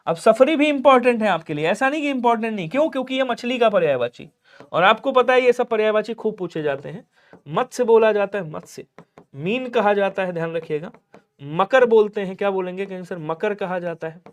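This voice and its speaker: A male teacher giving an exam-prep grammar lesson, repeating key words and asking his students questions that he then answers himself. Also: high voice. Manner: repetitive, drills words and keeps saying to remember them; addresses students directly, asks and answers his own questions.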